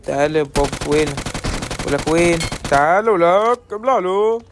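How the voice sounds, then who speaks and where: A young man with an Egyptian accent giving quick, joking commentary while playing a shooter game. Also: on the high side, lively intonation, noisy background. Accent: Egyptian Arabic. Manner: quick, joking banter at enemies and teammates. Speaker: gaming creator. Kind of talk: live gaming commentary. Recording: game gunfire in background. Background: loud gunshots and clicks.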